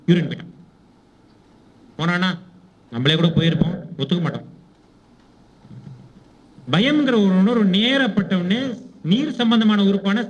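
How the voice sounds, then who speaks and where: High-voiced man giving a spiritual talk. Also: slight background noise. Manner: conversational, questions the audience, acts out little dialogues. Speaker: spiritual teacher. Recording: dull lo-fi recording.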